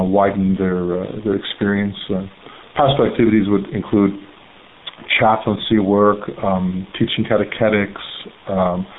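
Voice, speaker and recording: Halting Canadian priest on a tinny line. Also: male voice, fairly low pitch. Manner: halting, many ums and uhs. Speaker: priest and seminary rector. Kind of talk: radio interview answers. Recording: tinny phone-line sound with faint hiss.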